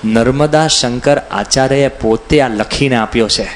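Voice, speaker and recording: A man's voice: mid-range voice, measured pace, a little hiss or hum. A man, a monk preacher, giving a spiritual discourse full of stories, asking his listeners rhetorical questions and mixing in English words. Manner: lively storyteller, asks the audience rhetorical questions, mixes in English words.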